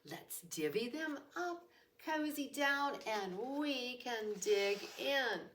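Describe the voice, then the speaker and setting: A woman's voice: a little high, animated, takes it slowly, a bit bright, a little hiss or hum, pitched above the performer's own voice. A woman voicing a friendly badger, cheerful and drawn out, recorded from a distant mic.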